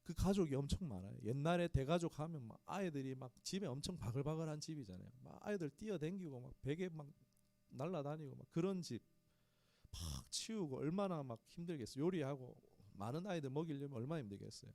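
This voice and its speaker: Animated Korean man preaching in a small church. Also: fairly high pitch, fast, creaky, no room sound. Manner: conversational preaching, talks straight to the congregation. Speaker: pastor. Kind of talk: sermon.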